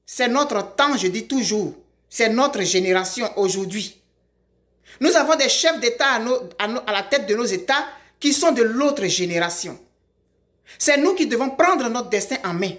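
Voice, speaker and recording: A woman's voice: fairly high pitch, lively intonation, normal speed. A middle-aged woman from Ivory Coast making an emphatic direct-to-camera appeal, repeating her calls for emphasis. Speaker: vlogger.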